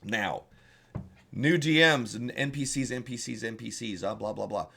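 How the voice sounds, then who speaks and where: A man's voice: medium pitch, normal speed, gravelly, pushed and bright, slight background noise. A man with a Southern US accent, a dungeon master giving casual, rambling advice and often repeating words as he searches for them. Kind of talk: casual instructional talk.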